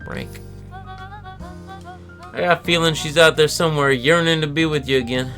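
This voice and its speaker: A woman plays a sentimental older diner owner from a video game. She fusses over you like a guilt-tripping grandmother, doting and pitying, with lively swings of pitch. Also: a little slow, faint music behind, heavily acted. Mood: wistful, pitying. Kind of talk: video game dialogue read aloud in character.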